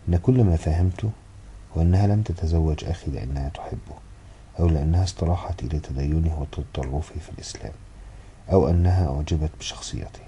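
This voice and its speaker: Brief: sad confiding sister, read by a man, deep dark quick voice. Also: slight background noise. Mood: sorrowful. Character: sorrowful sister confiding family troubles.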